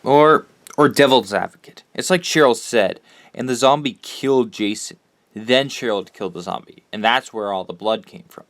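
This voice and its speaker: In an audio drama, a man acts the part of an earnest, loyal, troubled teenage boy who talks in a sincere, plain-spoken way, the scene played conversationally. His voice is medium-pitched, a bit bright, and close to an everyday voice, moving at a moderate pace with no room sound. The mood is reflective and uneasy.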